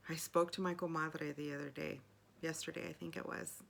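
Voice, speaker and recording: A middle-aged woman with a low, gravelly voice talks straight to camera in her personal video diary. She speaks candidly and from the heart, often breaking off and restarting her sentences. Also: level tone, a little fast, a little hiss or hum. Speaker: video journal host.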